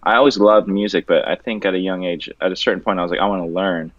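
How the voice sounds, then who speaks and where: Young guy from venezuela, super low voice, laid-back joking chat, kinda muffled dry audio. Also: steady tone, fast, no echo. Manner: laid-back, loose and joking, with casual swearing. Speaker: guest artist. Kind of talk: casual interview chat.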